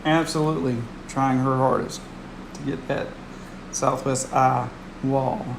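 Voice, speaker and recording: A man's voice: mid-range voice, fairly even intonation, a little slow, gravelly, noisy background. A man giving casual live weather commentary as a streamer, repeating phrases for emphasis.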